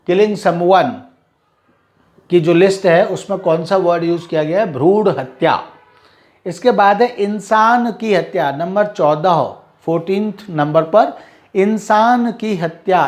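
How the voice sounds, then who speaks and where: A man's voice: sits high, darkish tone. A male teacher giving a vocabulary lesson, spelling out words letter by letter.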